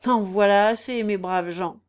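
A woman's voice: medium pitch, a little slow, natural voice. A woman reading aloud, voicing an insolent, coldly defiant male peasant with a mocking manner.

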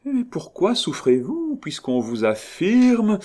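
A man putting on a mocking high-pitched countess. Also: measured pace. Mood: teasing. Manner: lively, mocking, raises pitch sharply. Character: mocking high-society countess, bold and teasing.

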